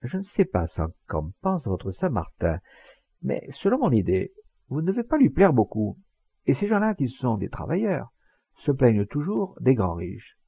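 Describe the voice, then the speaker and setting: A man reading an audiobook voices an indignant, rough countryman scolding a crowd loudly, in a gravelly, husky voice. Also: medium pitch, wildly swooping pitch, moderate pace, dry recording, highs cut off, pitched above the performer's own voice, heavily acted. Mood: scornful. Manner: scolding, loud, declamatory. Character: indignant rough Provençal countryman, middle-aged.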